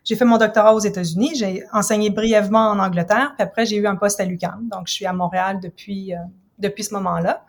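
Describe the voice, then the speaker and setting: A woman in her fifties from Ottawa, a university professor and writer, speaking as a guest in a casual interview in a reflective, measured, explanatory way. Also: mid-range voice, fairly even intonation. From Ottawa, Canada. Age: 50s.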